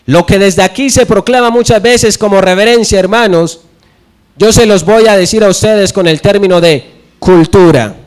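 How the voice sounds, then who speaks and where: High-voiced young preacher. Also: male voice, moderate pace. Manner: storytelling preaching, acting out dialogue. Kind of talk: sermon.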